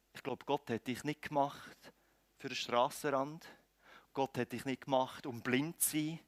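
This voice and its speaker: A man's voice: mid-range voice, no room sound. A man preaching a sermon in a conversational way, acting out scenes with frequent restarts. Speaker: pastor.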